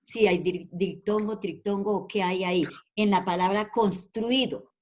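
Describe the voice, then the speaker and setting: A woman's voice: mid-range voice, fairly even intonation, unhurried. A woman teaching an online primary school language class, patiently calling pupils by name and repeating her questions in an affectionate way. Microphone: video call.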